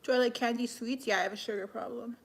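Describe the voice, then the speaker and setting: A young woman chatting casually on a live stream, answering viewers in an offhand way with many "like" fillers and soft, half-whispered asides. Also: fairly high pitch, fairly even intonation, fast, husky. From Canada. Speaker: livestreamer.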